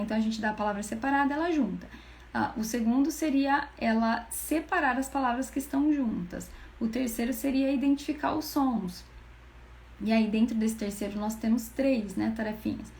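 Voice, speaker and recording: A woman's voice: fairly high pitch, a little mellow. A Brazilian woman speech therapist explaining how to build a child's phonological awareness, with many fillers and restarts. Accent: Brazilian Portuguese.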